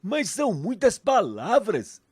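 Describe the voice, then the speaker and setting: Guy doing a squeaky little kid helper, breathy, curious, kids tv. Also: wildly swooping pitch, slow pace, darkish tone, exaggerated voice. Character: Alfa, a small childlike puppet helper. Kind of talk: children's educational TV.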